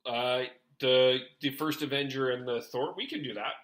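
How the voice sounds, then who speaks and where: Male podcast host, bright forward tone, rambling, thinks out loud with many restarts. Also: medium pitch, steady tone, normal speed. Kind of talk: casual podcast chat.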